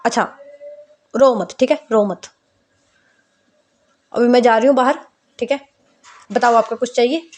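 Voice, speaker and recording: Woman doing a soft, coaxing young daughter in a storybook, a bit high. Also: unhurried, pauses often. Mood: tender. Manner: coaxing, affectionate.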